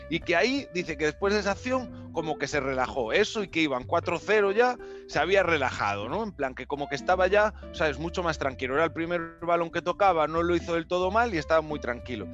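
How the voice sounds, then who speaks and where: A man's voice: on the high side, a bit bright. A man from hosting a podcast, telling a story casually with slang and mouth sound effects. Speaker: podcast host. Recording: dull lo-fi with faint music.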